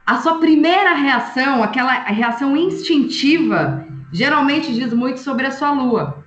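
Lively woman explaining on an echoey line. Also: high voice, measured pace, highs cut off, faint music behind. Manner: animated, explains with examples, frequent tag questions. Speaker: astrologer guest. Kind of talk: casual explanatory chat.

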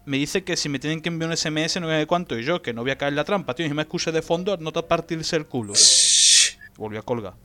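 A young man chats on a podcast in a fairly high voice. He is blunt and swears freely as he tells stories, with soft music under his talk. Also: quick pace. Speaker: podcast co-host. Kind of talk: casual chat.

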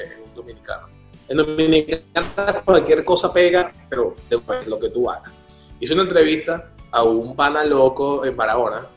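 A man co-hosting a casual chat, telling stories in an animated, excitable way full of slang. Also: mid-range voice. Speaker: podcast co-host. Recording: dull, echoey room sound.

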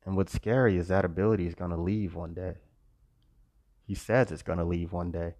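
Earnest low-voiced man preaching outdoors. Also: steady tone, brisk, a little mellow, no echo. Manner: earnest, preachy, repeats phrases. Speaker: vlogger. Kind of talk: spiritual monologue. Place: outdoors by a road. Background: passing cars and wind.

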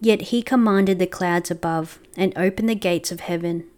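A woman with a clear, smooth voice reading scripture as a lector at Mass. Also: lowish voice, normal speed, a little mellow.

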